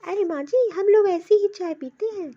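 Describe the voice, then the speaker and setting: A woman's voice: very high-pitched, moderate pace, dark tone. A woman voicing a modern, touchy young daughter-in-law from the city in a cartoon story, talking in a curt, complaining way. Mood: irritated. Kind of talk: cartoon voice acting. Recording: dull, dry lo-fi recording.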